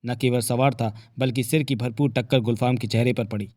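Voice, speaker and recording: A man's voice: mid-range voice, steady tone, a little fast, a little mellow, dry recording, clean studio sound. Man reading a Hindi novel dramatically. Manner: vivid storytelling. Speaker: audiobook narrator.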